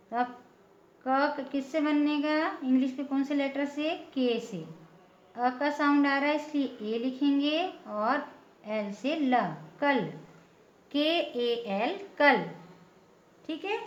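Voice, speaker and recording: A woman teaching a patient, step-by-step lesson, often checking in with her listeners. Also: high voice. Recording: echoey room, dull lo-fi sound.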